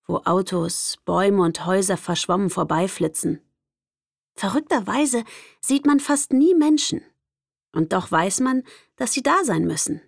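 Gravelly-voiced young woman narrator. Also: mid-range voice, no room sound, clean studio sound. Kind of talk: first-person audiobook narration.

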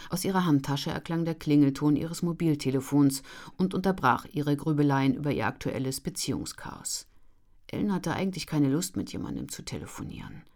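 A woman narrates a novel in a steady, measured way. Her voice sits low and stays calm throughout the narration. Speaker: audiobook narrator. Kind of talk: scripted narration.

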